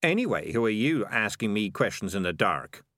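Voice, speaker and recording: A man doing a low, cocky talking cat. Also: sing-song, moderate pace, fairly bright tone, no room sound, clean studio sound. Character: smug, clever talking tomcat.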